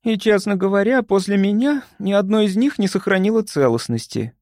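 A man's voice: high voice, sing-song, a little slow, mellow, no room sound, voice pushed up, exaggerated voice. A man voicing a wry young woman with dry humor. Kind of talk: audiobook character voice.

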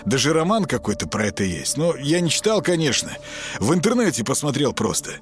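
A man's voice: medium pitch, sing-song, fairly quick, faint music behind, pitched above the performer's own voice, close to an everyday voice. A man reading a confident young man who lectures his friends, in an audiobook. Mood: lecturing. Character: eager know-it-all young man Kostik. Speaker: character in audiobook.

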